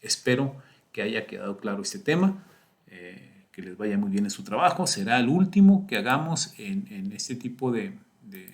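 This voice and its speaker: A man's voice: on the low side, expressive, moderate pace. A middle-aged man, teaching a recorded screen-share statistics lesson. He explains patiently step by step and keeps checking in with his students.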